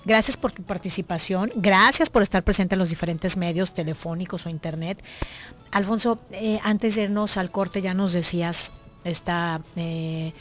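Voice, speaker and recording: A woman's voice: on the low side, normal speed, a bit bright, faint music behind. A woman hosting a radio talk show in a conversational way, summing up what her guest has said. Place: radio studio.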